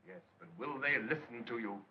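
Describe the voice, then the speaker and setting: A man's voice: medium pitch, fairly quick, slight background noise, lightly acted. An actor playing a doubtful man who questions a rebel, skeptical in tone, in 1930s film acting. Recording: roomy, distant, lo-fi 1930s film sound.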